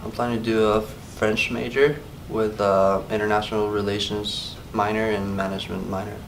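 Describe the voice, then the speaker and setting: Flat-voiced young man. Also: fairly low pitch, moderate pace, background noise. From Mexico. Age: young adult. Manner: searching for words, many "like" fillers. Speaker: international student. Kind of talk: interview answers.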